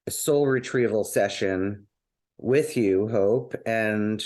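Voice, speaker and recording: Low-voiced man hosting, rambling and hesitant. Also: takes it slowly, darkish tone. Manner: rambling, hesitant with many fillers and restarts. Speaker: podcast host. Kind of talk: casual conversational interview.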